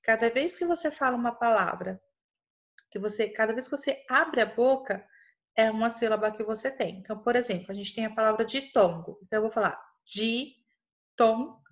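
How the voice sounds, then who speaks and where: Patient Brazilian woman teaching children. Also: fairly high pitch. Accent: Brazilian Portuguese. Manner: patient, explains slowly, checks in with "tá?" often. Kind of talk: recorded online lesson for children.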